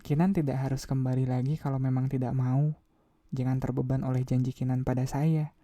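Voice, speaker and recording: A man reading a novel aloud, voicing an anxious young woman who pleads softly, half whispering. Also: very deep voice, flat delivery, brisk, no room sound. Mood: anguished.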